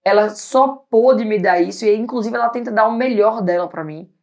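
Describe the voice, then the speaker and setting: A woman in her thirties, a pediatrician guest on an interview show, talking loudly and animatedly in casual chat. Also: medium pitch, creaky. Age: 30s. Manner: loud, animated, talks fast and laughs easily.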